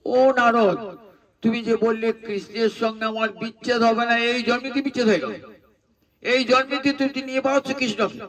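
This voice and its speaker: A proud queen who pleads and insists, as a male preacher puts her on in his retelling. The voice sits high. It is heard from some way off the mic. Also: fairly even intonation, fairly quick, fairly bright tone, far from the mic, poor audio. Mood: pleading. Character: proud queen Satyabhama, woman, demanding.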